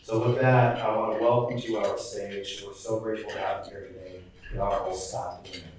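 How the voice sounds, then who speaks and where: A man making a formal introduction at an event, with measured phrasing. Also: on the low side, little pitch movement. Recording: very echoey, distant mic, loud noise.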